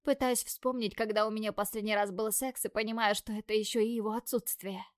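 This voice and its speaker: Expressive woman narrating an audiobook. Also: mid-range voice, a little fast, no room sound, studio quality. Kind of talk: first-person audiobook narration.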